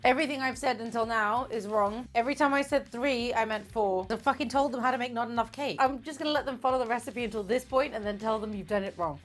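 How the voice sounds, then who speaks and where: A woman's voice: on the high side, quick pace, hardly any pauses, soft background music. A tipsy, giggly, rambling woman chatting casually as host of a comic baking vlog, sweary, self-mocking and playfully crude. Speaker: host of a comedic baking video.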